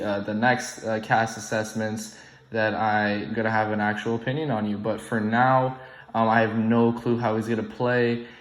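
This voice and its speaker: A young man who was born in the UK, hosting an online game and rambling casually with many ums and restarts. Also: medium pitch. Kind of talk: casual unscripted commentary. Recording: echoey room, poor audio.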